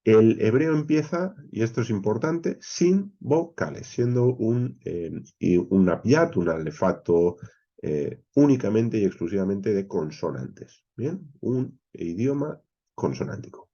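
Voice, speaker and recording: Man, Bible class teacher, lively low voice, mellow tone, slightly muffled sound, checks in with listeners. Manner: explains step by step, often checking in with "¿vale?" and "¿bien?"; pauses often with "eh" fillers. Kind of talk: expository Bible class lecture.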